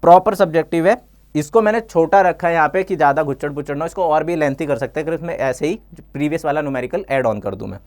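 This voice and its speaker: A man's voice: on the high side, fast, darkish tone. A man teaching a physics exam-prep lesson step by step, mixing Hindi and English and calling his students "bachcha log". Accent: Indian English.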